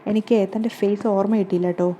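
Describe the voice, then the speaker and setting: Woman reading young bank guy, earnest, kinda thrown, quick mellow delivery. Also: sits high, steady tone, slight background noise, close to an everyday voice. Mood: puzzled. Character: young male bank officer, surprised, earnest.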